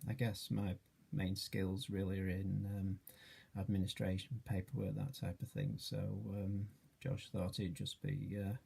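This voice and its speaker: A Yorkshire man in his forties introduces himself on video as a charity trustee and treasurer. His voice is low, gravelly, husky, and a little mellow, delivered flatly and unhurriedly with few pauses. He comes across as modest and hesitant, using many fillers.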